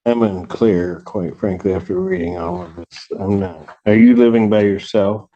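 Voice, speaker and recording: A man serving as judge speaks in a low, dark tone. His questions come blunt and clipped. The sound is a muffled, lo-fi courtroom recording. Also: big pitch swings, moderate pace, gravelly. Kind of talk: courtroom proceedings.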